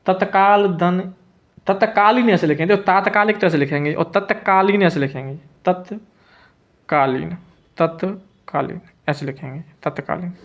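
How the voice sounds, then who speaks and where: A man teaching spelling in a lesson, repeating each word slowly and checking in with the listener. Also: sits high, dull audio.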